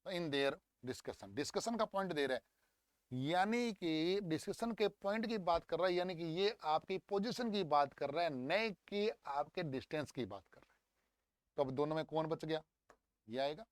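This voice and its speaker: A young man teaching English grammar in a lively, coaxing way, walking through an exam paper and drilling words aloud. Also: fairly high pitch, normal speed, no echo. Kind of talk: exam paper walkthrough lesson.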